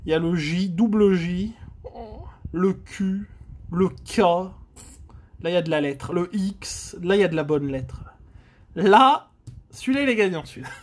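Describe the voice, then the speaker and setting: A man's voice: high voice, slightly rough. Man reacting animatedly to scratch cards. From France. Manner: animated, exclaims and groans at each letter. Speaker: scratch-card vlogger. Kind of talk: casual commentary while scratching tickets.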